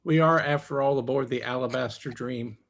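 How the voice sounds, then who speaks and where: Player dude, gravelly husky voice, dry wry comments. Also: male voice, mid-range voice, a little fast. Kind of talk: casual chat during a tabletop game.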